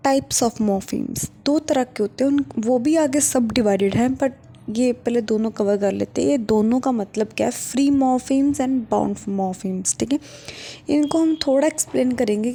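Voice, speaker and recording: A woman teaching linguistics in a classroom-style lecture, explaining step by step, often checking that students follow, and slowing down to dictate definitions. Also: on the high side, mellow. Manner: explains step by step, checks understanding with frequent rhetorical questions; slows right down to dictate English definitions.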